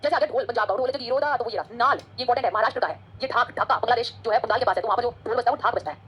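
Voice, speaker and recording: Teacher, female, rapid-fire exam-prep lecturing, a little husky, pitched slightly high. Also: fairly bright tone. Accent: Hindi-English code-switching. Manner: fast, chatty, switches between Hindi and English.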